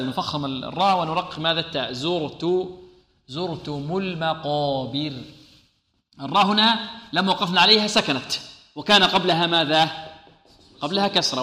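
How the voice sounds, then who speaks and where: A man teaching Quran recitation rules, asking his class questions and answering them himself, and drawing out sounds slowly to demonstrate them. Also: fairly high pitch, sharp tone. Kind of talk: tajweed lesson. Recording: echoey room with long reverb.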